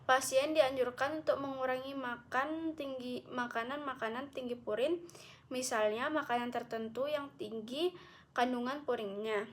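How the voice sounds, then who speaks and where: A woman's voice: high voice, fairly even intonation, normal speed, a little hiss or hum. A young woman, a medical student, giving a recorded class presentation, reading carefully and correcting herself often. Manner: careful explanatory reading with frequent self-corrections.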